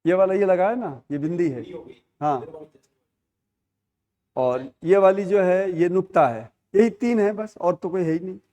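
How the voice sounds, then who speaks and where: A man's voice: sits high, measured pace, pauses often, warm tone. A middle-aged man teaching a Hindi grammar class, explaining points and repeating key terms as questions and answers. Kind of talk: classroom lecture.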